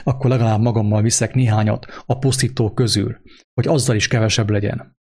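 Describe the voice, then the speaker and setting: A man's voice: fairly low pitch, fairly even intonation, darkish tone. A man reading aloud and voicing a young teacher who speaks bluntly and resolutely. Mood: defiant. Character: young male village teacher, defiant.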